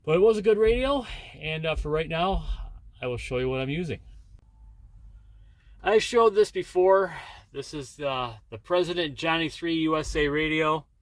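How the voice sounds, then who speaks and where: A man with a slightly high voice talks at normal speed in a plain-spoken, rambling, casual way, much like a truck driver vlogging from his cab. The recording has no echo, and the talk is loose, meandering vlog chatter.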